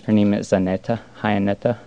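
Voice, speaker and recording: A man hosting a college radio show in a studio, announcing and chatting with a guest in a relaxed, slightly halting way. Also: on the low side, clean tone, lo-fi sound. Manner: relaxed, conversational, a little halting. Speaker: radio host. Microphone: studio microphone.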